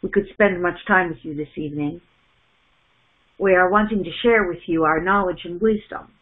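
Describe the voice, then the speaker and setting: A middle-aged woman delivers a channeled spiritual message in a halting, measured way, often restarting and repeating words, recorded at home on a wired earphone mic. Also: fairly low pitch. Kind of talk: channeled message in first person plural. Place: small indoor room at home. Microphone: wired earphone mic on a webcam call. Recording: phone-like narrow sound.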